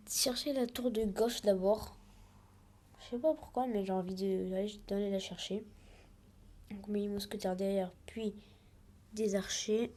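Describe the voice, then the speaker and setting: Casual woman gamer, talks through each move live, mid-pitched, easygoing let's-play energy. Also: warm tone. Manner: chatty, narrates each move as it happens. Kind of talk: live gameplay commentary.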